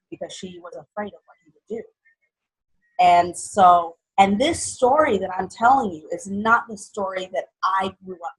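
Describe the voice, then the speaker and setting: A young woman from Haiti tells her own life story as a guest, earnest and halting, with fillers. Her voice is husky and sits a little low. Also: rough recording. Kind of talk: personal story in an interview.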